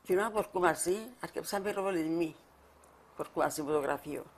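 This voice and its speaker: Μια ηλικιωμένη γυναίκα με κυπριακή προφορά δίνει μαρτυρία σε συνέντευξη ντοκιμαντέρ, μιλώντας διστακτικά και επαναλαμβάνοντας λέξεις. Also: female voice, lowish voice. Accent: Cypriot Greek. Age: older. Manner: halting, repeats words while recalling. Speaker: mother of the fallen soldier. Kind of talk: documentary interview testimony.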